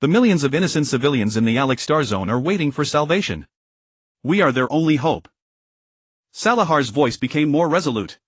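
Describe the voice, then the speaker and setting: A man giving scripted audiobook narration in an even, steady reading. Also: fairly high pitch, a little fast, husky, no echo.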